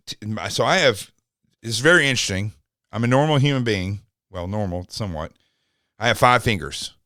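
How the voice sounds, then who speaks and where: A man's voice: mid-range voice, a bit bright, no echo, studio quality. A man hosting a podcast, talking in an indignant, mocking, rambling way about a news clip. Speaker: podcast host. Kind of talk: opinionated commentary.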